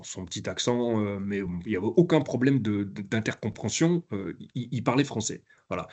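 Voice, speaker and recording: A man giving a conversational conference lecture as a professor, halting often and restarting his sentences. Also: medium pitch, darkish tone, husky. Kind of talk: live lecture.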